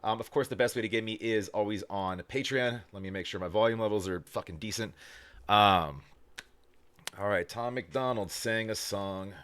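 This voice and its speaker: A man's voice: on the low side, moderate pace, fairly bright tone, clear, resonant tone. A man talks through a reaction video in loose, rambling sentences. He trips over restarts, leans on fillers and swears offhandedly as he goes. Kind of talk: casual reaction commentary.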